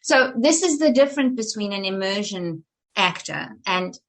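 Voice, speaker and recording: As a guest in a conversational interview, an older woman from South Africa speaks at normal speed in an animated, medium-pitched voice. Her South African accent is polished and English-sounding, and her delivery is theatrical, full of restarts.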